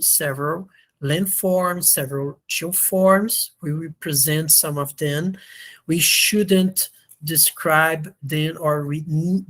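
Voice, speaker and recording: Medium-pitched and a bit bright, this voice belongs to a university lecturer, a non-native English speaker who is slightly ill. Speaking on a video call, they explain with hesitation and keep checking for understanding.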